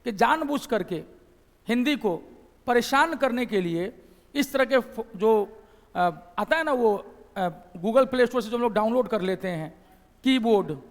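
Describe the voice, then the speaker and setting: A man's voice: extremely high pitch, lively intonation, a little slow, long reverb tail. A man from Bihar with a Bihari Hindi accent, teaching a classroom lecture. He explains step by step, repeats phrases and keeps asking his class questions.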